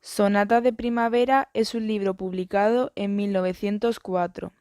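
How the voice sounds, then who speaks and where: A woman reading an educational biography and book summaries in a steady, even narration. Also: medium pitch, normal speed, dry recording, studio quality.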